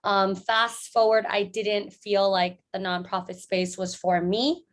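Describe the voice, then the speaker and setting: A woman's voice: mid-range voice, steady tone, a little slow. A woman from San Francisco, a founder, guesting on a podcast, friendly and chatty as she tells her story. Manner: friendly, laughs often, storytelling. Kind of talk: casual interview chat.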